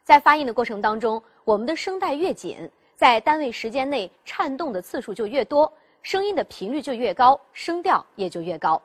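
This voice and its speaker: A woman's voice: a little high, sing-song, fairly quick, hardly any pauses. A woman teaching pronunciation in a classroom style. She explains step by step, asks the class rhetorical questions and demonstrates the sounds herself. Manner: demonstrates sounds by voicing them. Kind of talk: classroom instruction.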